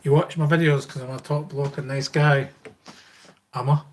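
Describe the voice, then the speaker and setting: A man's voice: mid-range voice, fairly even intonation, moderate pace, slight background noise. A man with a Scottish accent chatting casually and informally as a livestream host, rambling as he answers viewers. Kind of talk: casual live Q&A chat, reading and answering viewer comments.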